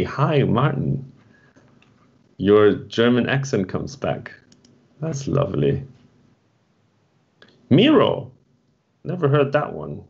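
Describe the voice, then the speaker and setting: A man co-hosting an online meetup stream, chatting casually and rambling as he reads and answers the chat. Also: fairly low pitch. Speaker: meetup co-host. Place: home. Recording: dull lo-fi stream audio.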